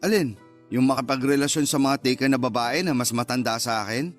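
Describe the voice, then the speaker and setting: Soft music plays behind a medium-pitched male voice that moves a little fast. It's a lightly acted radio drama turn: a young man who pursues older women, hesitant but honest, talking casually with a touch of defensiveness.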